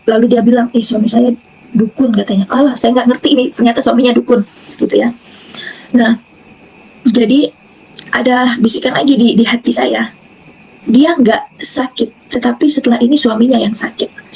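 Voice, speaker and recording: A woman from Indonesia recounts her personal faith testimony in a relaxed, conversational manner full of fillers and restarts. Her voice sits a little high, with a gravelly, husky grain. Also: low-quality recording. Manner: conversational storytelling with many fillers. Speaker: testimony speaker.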